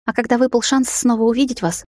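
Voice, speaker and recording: A woman's voice: on the high side, steady tone, fast talker, a little mellow, no room sound, voice pushed up, close to an everyday voice. A timid young female vampire maid pleads in a raised, breathless voice, as a woman reading an audiobook puts her on. Her words come close to tears. The storybook recording is dry and close. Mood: pleading. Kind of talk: audiobook character voice.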